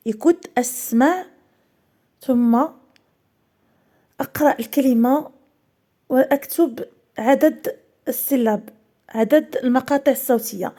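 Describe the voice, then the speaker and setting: A woman's voice: high-pitched, mellow. A young woman teacher with a Moroccan accent, reading out a primary school French lesson word by word and explaining in Darija. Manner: slow, careful syllable-by-syllable reading, switching between French and Darija.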